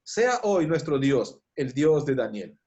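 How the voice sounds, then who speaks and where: A man's voice: mid-range voice, big pitch swings, slow, a little mellow, lo-fi sound. A preacher playing an ancient biblical king. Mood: solemn. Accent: Peruvian Spanish. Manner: pleading, then solemn proclamation. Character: ancient king moved by the prophet.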